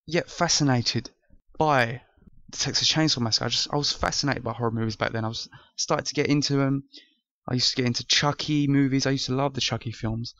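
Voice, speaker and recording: Young British vlog host, earnest, rambly, smooth clear voice, dry dull lo-fi recording. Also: male voice, medium pitch, fairly bright tone, no echo. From France. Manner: earnest, rambling with many restarts. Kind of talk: casual movie review vlog.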